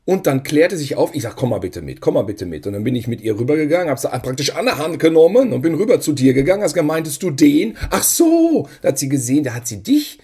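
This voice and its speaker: Husky, self-mocking older brother. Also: male voice, a little high, sing-song, quick pace, hardly any pauses, dark tone. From Germany. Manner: rambling anecdotes with hesitant fillers and self-mocking humor. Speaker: podcast co-host. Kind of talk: casual chat.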